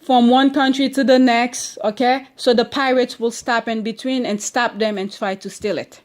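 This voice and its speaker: Reading a history book aloud to her children at home, a woman with a non-standard English accent stretches out key words. She pauses often with "okay?" to make sure they understand. Her voice is on the high side, steady in tone, at a normal speed.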